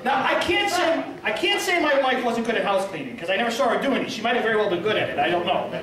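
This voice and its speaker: A man's voice: very high-pitched, sing-song, fast. A man doing a self-deprecating stand-up comedy set of punchy one-liners in a small restaurant. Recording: echoey room, far from mic, crowd laughing.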